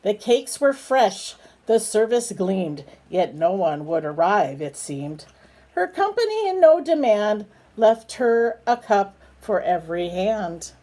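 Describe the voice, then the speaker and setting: This woman's mellow, mid-range voice has a sing-song lilt. She reads aloud from a picture book for kids, interrupting herself unhurriedly to coax her small bird companion with simple, chatty questions.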